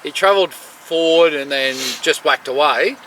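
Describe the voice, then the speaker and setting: A man's voice: a little high, moderate pace, sharp tone, far from the mic, a little hiss or hum, low-quality recording. An Australian man hosting a casual, frank chat about his racehorses. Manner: frank, matter-of-fact horse talk. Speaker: racing syndicate host.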